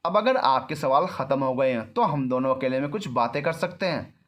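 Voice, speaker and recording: A man's voice: medium pitch, expressive, fairly quick, a bit bright, lightly acted. A man voicing an arrogant, controlling young man in a storybook reading, rude and mocking. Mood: smug. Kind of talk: storybook narration.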